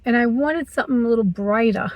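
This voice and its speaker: A woman's voice: fairly high pitch, fairly quick, no echo, lo-fi sound. A woman in her sixties vlogging from her parked car, chatty and teasing herself as she talks. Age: 60s. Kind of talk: casual chatty vlog.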